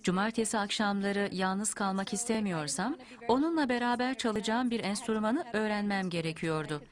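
A woman's voice: medium pitch, normal speed. A woman reading a scripted translation as a television voice-over.

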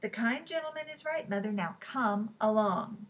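A woman's voice: a little high, lively intonation, moderate pace, distant mic, highs cut off, lightly acted. A woman reading aloud who voices a worried grown son pleading with his mother, in a slightly raised voice. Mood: urging. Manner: pleading, fussing. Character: anxious protective middle-aged son.

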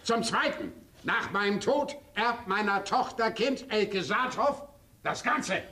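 An actor playing a sly, stubborn old farmer grandfather in a stage comedy, drawling slowly. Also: sits high, lively intonation, pushed and bright, recorded from a distance, heavily acted. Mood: solemn. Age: older. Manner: drawling, slyly deliberate. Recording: stage play miked from afar, faint hiss.

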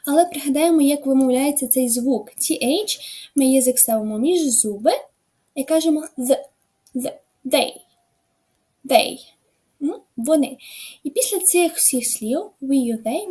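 A woman's voice: high-pitched, dark tone. A woman teaching a beginner English lesson online, explaining step by step in a patient way with frequent filler sounds. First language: Ukrainian.

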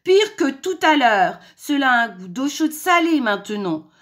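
A wicked, gullible male wolf from a children's storybook, put on by a woman reading aloud. He booms his lines and drags out his complaints, his voice climbing high and swinging widely. The tone stays theatrical and full of bluster. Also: big pitch swings. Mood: disgusted. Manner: loud, exclaiming, drawn-out complaints.

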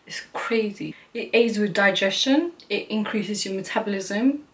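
A woman's voice: mid-range voice, a little slow, recorded from a distance. A young woman chatting casually to camera as a beauty vlogger, filling her talk with "like" and "you know".

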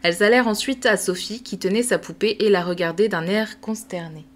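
A woman reading a classic children's novel aloud as an audiobook, with measured, clear storytelling. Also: mid-range voice. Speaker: audiobook reader. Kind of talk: scripted narration.

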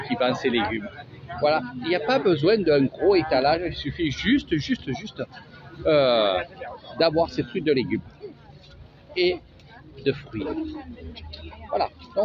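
Sing-song man with a Marseille accent. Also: mid-range voice. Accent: Marseille French. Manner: chatty, sing-song, pointing things out. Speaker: travel vlogger. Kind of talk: casual walking market tour. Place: outdoor street market. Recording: dull lo-fi audio with music.

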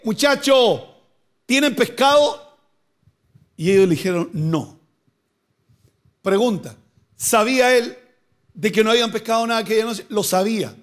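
A pastor delivers a sermon in a notably high voice. He poses question after question to his congregation. He drives his points home with bursts of repeated words. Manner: preaching with rising emphatic bursts and repeated words.

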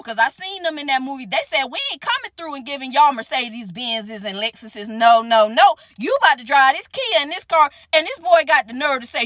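A woman vlogger giving an unscripted, casual movie review rant, animated and exasperated, with heavy slang, talking straight to her viewers. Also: sits high, dry recording.

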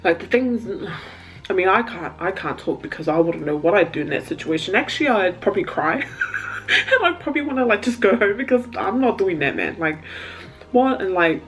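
In a low-quality recording with faint music behind her, a woman chats to camera while she eats, mukbang-style. Her lowish, expressive voice moves fairly quickly, punctuated by frequent laughter and plenty of "like."

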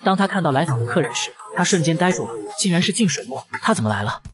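A man narrates a comic drama recap at a breakneck clip. His voice sits somewhat high for a man, and the storytelling pushes hard with dramatic emphasis. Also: very animated, fast.

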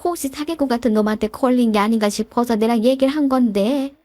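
A woman's voice: fairly high pitch, fast, mellow, no echo, natural voice. A woman voicing a pushy, self-pitying older mother-in-law in a storybook drama, wheedling and guilt-tripping. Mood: pleading, pushy.

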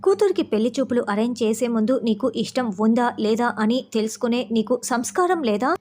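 A woman's voice: on the high side, lively intonation, a little fast, darkish tone, natural voice. A woman voicing a furious young man. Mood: angry. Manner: harsh, accusing questions. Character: angry young man scolding his former love.

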